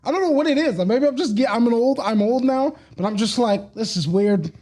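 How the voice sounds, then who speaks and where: High-voiced laid-back young man chatting. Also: fast, darkish tone. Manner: laid-back, laughs often, many fillers. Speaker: podcast guest. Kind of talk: casual chat.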